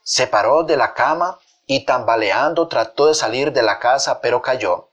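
A man's voice: medium pitch, normal speed, a bit bright, highs cut off. A man narrating a children's fable with a mid-range voice. He tells it expressively, now and then asking his listeners questions directly. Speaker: storyteller.

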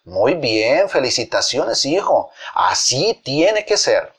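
A man's voice: mid-range voice, very animated, slow, fairly bright tone, slightly rough, heavily acted. A man voicing a caring but firm mother bee. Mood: pleased.

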